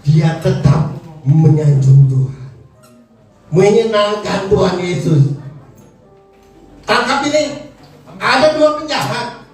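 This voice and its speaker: A male preacher, giving a lively sermon and acting out characters in slangy voices. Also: sits high, slow, long pauses. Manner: animated, acts out characters in slangy voices, laughs often. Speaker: evangelist preacher. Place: church hall. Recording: echoey church hall, voice from far off, music behind.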